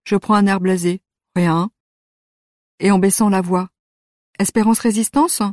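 A woman reads a youth novel aloud in the first person, steady and measured. Her pitch is middling, and the recording is close and dry with no room sound. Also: no room sound. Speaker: audiobook narrator. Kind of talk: scripted narration of a youth novel.

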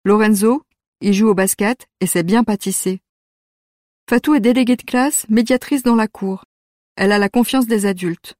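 A woman reads a youth novel aloud in the first person, steady and measured. Her pitch is middling, and the recording is close and dry with no room sound. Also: dry recording. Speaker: audiobook narrator. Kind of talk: scripted narration of a youth novel.

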